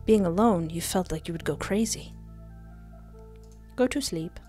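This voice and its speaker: Speaking a little slowly in a mellow, fairly low voice, this young adult woman alternates between dramatically reading on-screen text and chatting casually as she plays a game. Music runs in the background of the close headset and desk mic recording.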